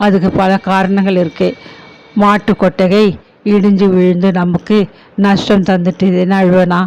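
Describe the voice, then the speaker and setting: A man's voice: sits high, completely flat delivery, normal speed, a little mellow, a little hiss or hum. A man voicing a grieving young woman schoolteacher who pours out sorrowful questions in an audiobook story. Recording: dull lo-fi recording.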